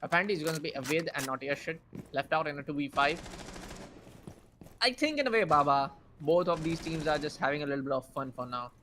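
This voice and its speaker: A man calling a live shooter-game match as play-by-play caster, excitable and quick, with lots of fillers and restarts. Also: a little high, slight background noise. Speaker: esports caster.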